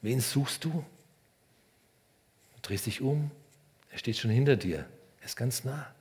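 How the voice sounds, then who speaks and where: A man preaching a sermon in short phrases, speaking straight to the listener and swinging between loud emphasis and hushed, almost whispered lines. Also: mid-range voice, lively intonation, normal speed, breathy edge. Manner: addresses the listener directly and personally. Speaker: pastor.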